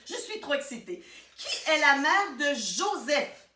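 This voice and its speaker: A woman's voice: high-pitched, sing-song, unhurried, bright, forceful tone, heavily acted. A woman playing a theatrical TV quiz hostess who draws out her exclamations. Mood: excited. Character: over-the-top female TV quiz host. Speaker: quiz show host. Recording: roomy sound, far from the mic.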